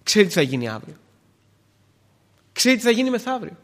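A man around forty preaching a sermon, swinging between hushed words and loud emphatic pleas, repeating phrases with many filler "eh"s. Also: high-pitched, very animated, long reverb tail.

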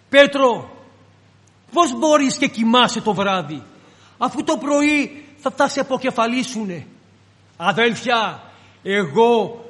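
A man's voice: very high-pitched, a bit bright. A man preaching a sermon, retelling scripture as dramatic storytelling with acted-out voices. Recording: long reverb of a large hall.

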